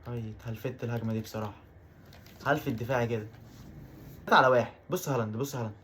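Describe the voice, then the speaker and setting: A man with an Egyptian Arabic accent giving excitable let's-play commentary on a football video game, repeating his exclamations over and over. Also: mid-range voice, racing, a little hiss or hum. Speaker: gaming YouTuber.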